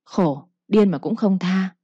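A young servant girl, anxious and quick-tongued, pressing her words with urgency, as a woman puts her on. The voice is dark and husky. It comes through a dull, lo-fi recording. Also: medium pitch, dry recording. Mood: urgent.

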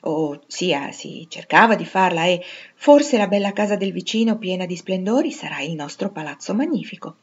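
A woman voicing a dreamy, gentle young girl lost in her thoughts. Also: on the low side, animated, moderate pace, slightly rough, muffled recording.

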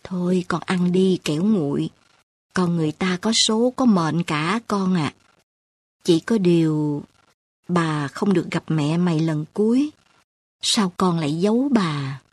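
A woman voicing a grieving elderly grandmother in an audiobook, speaking in a tearful, lamenting way with a breathy voice. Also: mid-range voice, measured pace, no room sound, close to an everyday voice. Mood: sorrowful.

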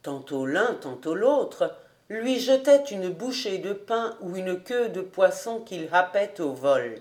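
Slow, expressive woman narrator. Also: fairly low pitch. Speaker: audiobook reader. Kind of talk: scripted narration of a classic novel.

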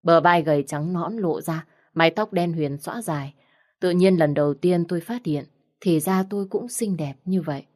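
A woman reading a first-person story aloud in a steady, reflective way. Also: on the low side, moderate pace. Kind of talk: first-person audiobook narration.

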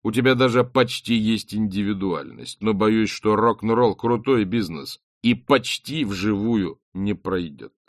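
A man's voice: fairly low pitch, measured pace, hardly any pauses, no room sound. A man reading an audiobook voices a cold, cutting male talent-show judge who speaks in a dry, sneering way.

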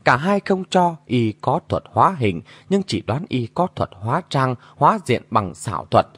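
A man narrating a martial-arts story in a dramatic, animated storytelling manner. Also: mid-range voice, moderate pace, husky, no room sound.

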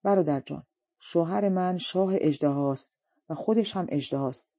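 A woman's voice: lowish voice, warm tone, dry recording. A woman voicing the dragon king's anxious young wife in an audiobook story. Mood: urgent.

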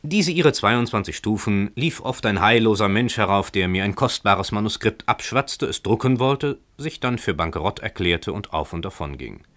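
A man voicing a poor tenant who talks calmly and wryly, defending himself with mock-earnest reasoning in a radio story reading. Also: on the low side, moderate pace, few pauses. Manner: calm, wry, overly reasonable.

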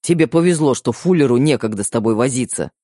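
A man's voice: mid-range voice, expressive, fast, mellow, no room sound, natural voice. A stern young brother, voiced by a male reader, speaks in short, irritated lines. The read is close and dry, like an audiobook. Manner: terse, hissing.

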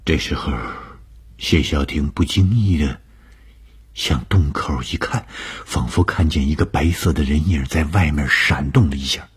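A man telling a suspense story for radio, slow and measured, often dropping to a hushed whisper. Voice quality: very deep, husky.

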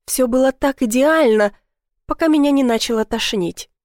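Woman reading a romance story first person, kinda high voice, super dry close sound. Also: moderate pace, a little mellow, no room sound. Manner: intimate, emotional storytelling. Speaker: audiobook narrator.

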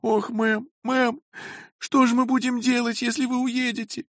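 A wailing, sobbing young maid. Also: male voice, very high voice, level tone, a bit bright, dry recording, clean studio sound, voice pushed up. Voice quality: wailing, tearful. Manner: slow, sobbing pleas. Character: weepy meek young maid.

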